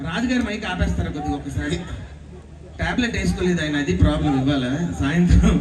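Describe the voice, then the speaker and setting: A high-voiced male mimicry artist patters to a festival crowd, chatty and coaxing. He is heard from a distance through a roomy public address system. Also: quick pace. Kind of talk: live stage comedy and patter. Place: open-air festival stage. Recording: echoey PA from far off.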